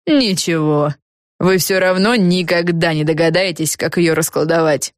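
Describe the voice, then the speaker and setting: A woman's voice: fairly low pitch, normal speed, no room sound, studio quality, lightly acted. A woman voicing a scheming, nasty witch girl who sneers and barks her lines. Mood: sneering. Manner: sneering, barking.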